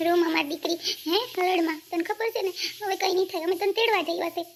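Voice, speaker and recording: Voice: extremely high pitch, fairly even intonation, creaky, a little hiss or hum. A voice actor putting on a protective middle-aged mother who chides and comforts her daughter. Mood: soothing. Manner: quick, chiding, comforting. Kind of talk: Gujarati cartoon voice acting.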